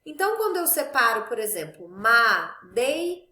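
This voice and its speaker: A woman's voice: on the high side, lively intonation, normal speed, a bit bright, roomy sound. A woman teaching a grammar lesson to children, patiently drawing out stressed syllables as examples. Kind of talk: recorded Portuguese class for children.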